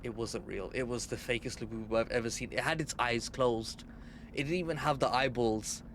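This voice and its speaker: A man's voice: mid-range voice, brisk, fairly bright tone, a little hiss or hum. A young man streaming a game, chatting casually with viewers and swearing a lot. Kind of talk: casual live-stream chat.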